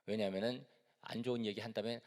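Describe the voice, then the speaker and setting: A man's voice: fairly low pitch, steady tone, quick pace, a little mellow. A middle-aged man from Seoul, a pastor giving a conversational sermon in a church and asking the congregation questions. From Seoul, South Korea. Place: church sanctuary. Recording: echoey church hall.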